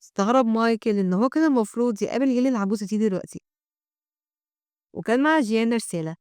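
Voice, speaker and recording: A young woman with an Egyptian Arabic accent narrating a manhwa story recap in steady storytelling. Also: a little high, racing, smooth, dry recording, clean studio sound.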